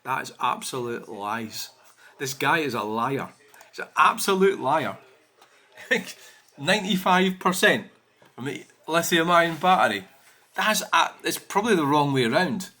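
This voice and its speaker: With a slightly high, bright, forceful voice, this Scotsman rants on the channel he hosts, swearing freely as he tears into viewer comments. His tone is indignant, and his speech is padded with "you know" and "I mean."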